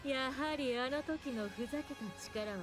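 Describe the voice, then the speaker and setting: A woman's voice: high voice, fast talker, music in the background, natural voice. An actress playing a politely cruel, mocking female villain in a game. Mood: mocking, composed.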